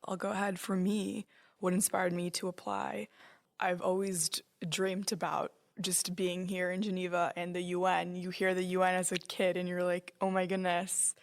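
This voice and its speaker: A woman in her twenties, an intern, talking in a chatty, upbeat way in an interview. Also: on the low side. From United States and Switzerland. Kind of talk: casual interview talk.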